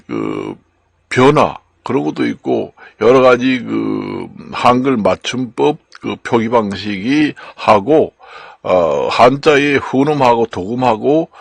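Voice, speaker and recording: An older man from Gangwon Province giving an unscripted lecture as a channel host, slow and halting with many fillers and repeated words. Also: mid-range voice, vocal fry, no echo. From Gangwon Province, Korea. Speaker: channel host explaining law and Chinese characters.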